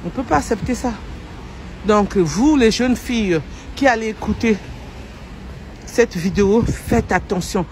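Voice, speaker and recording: A woman's voice: medium pitch, unhurried, long pauses, a little mellow, slight background noise. A middle-aged woman talks straight to her audience in an emotional, heartfelt commentary. She is earnest and repetitive, often tripping over a word and saying sorry before carrying on. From Congo-Brazzaville. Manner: earnest, repetitive, stumbles and apologizes. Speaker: social media commentator. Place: home in Paris.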